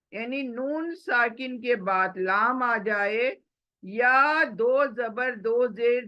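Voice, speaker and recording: A woman teaching a tajweed class, patiently explaining rules step by step and sounding out recitation examples slowly, mixing English words into her talk. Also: on the high side, muffled recording. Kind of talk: slow step-by-step recitation lesson.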